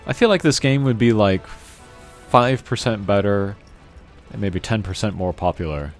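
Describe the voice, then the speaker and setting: A man with a lowish, slightly slow voice rambles through casual let's-play commentary while playing a video game, tossing out informal opinions. Faint game music plays behind him.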